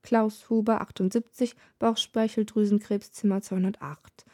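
A woman's voice: mid-range voice, normal speed, natural voice. Woman doing a weary, grumbling Death. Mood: muttering. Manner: sighing, grumbling, put-upon. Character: tired, grumpy male Death, weary old worker.

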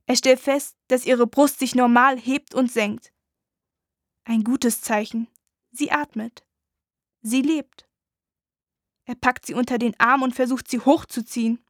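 A woman narrating a dramatic first-person audiobook in a slow, hushed, intense way. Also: on the high side, fairly even intonation, dry recording, clean studio sound.

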